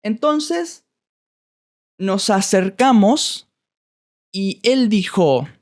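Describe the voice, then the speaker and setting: A man with an Argentine accent, a Spanish teacher telling a story slowly for learners, repeating words as he searches for them. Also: sits high, animated. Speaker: Spanish teacher and podcast host. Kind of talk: slow storytelling for language learners.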